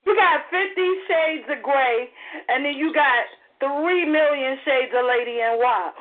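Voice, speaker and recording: A woman's voice: high-pitched, a little slow. A woman guest on a live radio show, teasing and sultry in casual banter. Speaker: poet guest. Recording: tinny phone line with faint noise.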